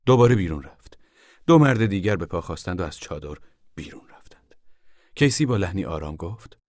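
Low, husky male narrator. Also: sing-song, a little mellow, dry recording, clean studio sound. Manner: measured, dropping to a whisper in tense passages. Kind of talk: audiobook narration.

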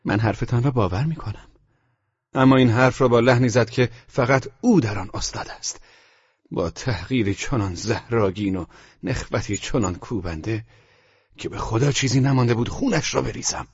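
A man's voice: medium pitch, husky, no echo, muffled recording. A man reading a novel aloud in the first person, with an intense, brooding delivery. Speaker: audiobook narrator. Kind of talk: first-person literary narration.

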